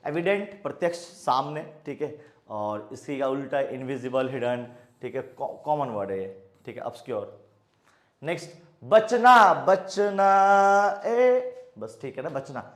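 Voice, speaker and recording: A man teaching a lively online vocabulary lesson, mixing Hindi and English, with playful jokey asides and a steady "okay" between words. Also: medium pitch, echoey room. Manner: lively, mixes Hindi and English, repeats "ठीक है" often.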